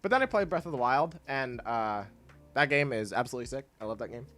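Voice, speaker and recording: A young man livestreams and chats casually with viewers, reading and answering chat while congested from clogged sinuses. His mid-range, slightly bright voice is expressive and fast, and he rambles, often cutting himself off to laugh.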